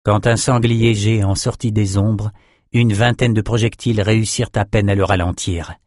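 A man reading a fantasy audiobook in a steady, measured storytelling voice. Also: lowish voice, no room sound, clean studio sound. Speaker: audiobook narrator. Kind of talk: scripted narration.

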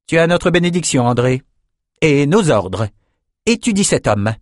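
A woman's voice: deep voice, big pitch swings, a little slow, no echo, pitched above the performer's own voice. A haughty sorcerer-queen of a magic city speaks in a raised, commanding voice, as a male audiobook reader puts her on. The sound is dry and close. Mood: imperious. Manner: commanding, imperious.

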